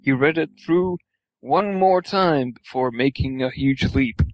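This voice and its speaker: A man's voice: mid-range voice, measured pace, a little mellow, no echo, poor audio. Man stumbling through a comic read-aloud. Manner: stumbling over words, swearing, laughing at the text. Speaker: reader. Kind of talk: comic reading of fan fiction aloud.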